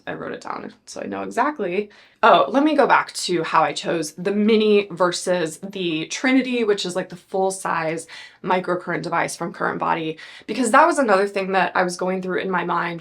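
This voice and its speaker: A woman's voice: on the low side, vocal fry. A woman in her thirties chatting casually through a beauty product review, rambling with fillers and self-corrections. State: a bit out of breath. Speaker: beauty vlogger.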